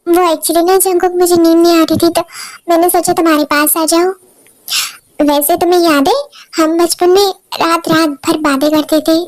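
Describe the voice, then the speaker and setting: A woman's voice: extremely high pitch, dry recording. A woman voicing a pushy young childhood friend who talks in a pleading, wheedling way.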